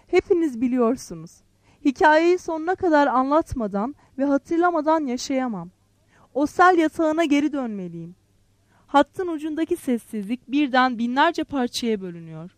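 Female audiobook narrator, high voice, dry close sound, quiet and measured literary reading. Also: dry recording. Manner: quiet, measured, drops softly on speech tags. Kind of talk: literary first-person story reading.

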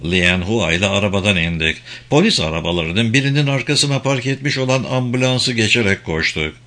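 A man reading a first-person audiobook in a steady, deliberate way. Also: lowish voice. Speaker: audiobook narrator.

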